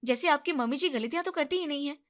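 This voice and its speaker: A woman's voice: high voice, quick pace, voice pushed up, close to an everyday voice. A woman voicing a tired, put-upon young wife who sounds weary and resentful, in a storybook narration.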